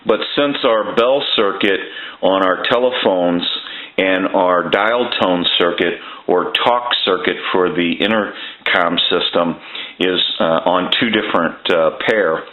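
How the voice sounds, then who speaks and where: In his workshop, a man talks through fixing a telephone, laying out each step in plain terms and often pausing with "uh." His voice is low, and the audio sounds reverberant, narrow and tinny.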